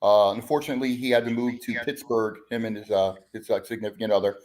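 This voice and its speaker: A man's voice: fairly low pitch, fairly even intonation, fast talker, a little mellow. A man who leads a band, chatting as a podcast guest, rambling with lots of fillers and restarts. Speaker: guest musician, bandleader. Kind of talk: casual podcast chat.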